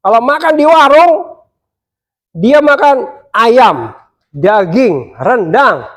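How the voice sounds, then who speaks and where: A man preaching to young people, telling a personal story with lively swings between excited and hushed delivery. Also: sits high. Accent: Indonesian.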